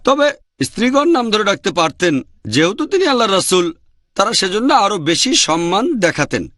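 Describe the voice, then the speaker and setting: A man's voice: high voice, sing-song, moderate pace, pushed and bright, dry recording, studio quality. A man answering audience questions in a lecture, repeating his points with emphasis.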